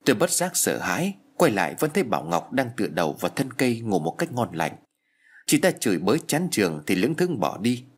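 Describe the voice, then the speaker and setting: A man narrating a ghost story as a storyteller with an expressive, dramatic reading. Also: medium pitch, fairly quick, breathy edge. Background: faint music.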